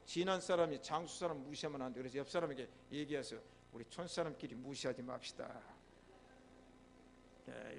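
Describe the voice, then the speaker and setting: A pastor from Jeolla preaches with a high-pitched voice and his regional accent. He tells stories and keeps turning to the congregation for replies. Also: fairly bright tone, a little hiss or hum. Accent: Jeolla Korean. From Jeolla, South Korea. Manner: storytelling, prompting replies from the congregation. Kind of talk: sermon. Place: church sanctuary.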